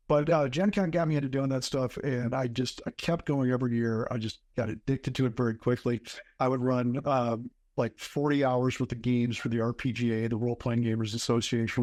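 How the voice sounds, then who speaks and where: This man's voice is medium-pitched and darkish, with no echo. He's in his fifties, from southern Wisconsin, and as an author and game designer guesting on a casual interview, he rambles through long stories packed with fillers.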